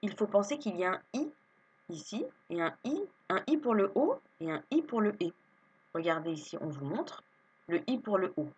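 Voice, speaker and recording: A woman teaching young children to read, slowly sounding out syllables and words with patience. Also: mid-range voice, lively intonation, darkish tone, slightly rough, dull audio. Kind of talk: reading lesson for young children.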